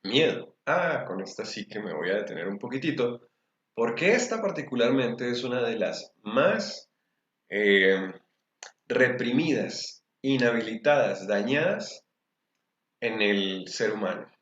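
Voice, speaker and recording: A man's voice: mid-range voice, animated, measured pace, a bit bright, slight background noise. A man giving a lecture to an audience on emotional rehabilitation, acting out scolding parents in quoted phrases. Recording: echoey room, dull lo-fi sound.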